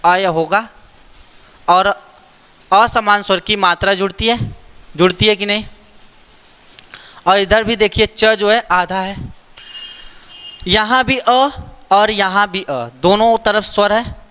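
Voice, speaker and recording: A man's voice: sits high, slow pace, long pauses, bright, forceful tone, smooth, big-room sound. A man teaching a grammar lesson, repeating the rules and asking rhetorical questions to check that students follow. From India.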